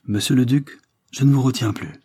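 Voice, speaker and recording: A man's voice: medium pitch, normal speed, warm tone, slightly rough, no room sound, studio quality, pitched above the performer's own voice. A man voicing a wounded, dignified noblewoman in a storybook reading, speaking with impassioned reproach. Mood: bitter reproach. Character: wounded noble mother, firm and bitter.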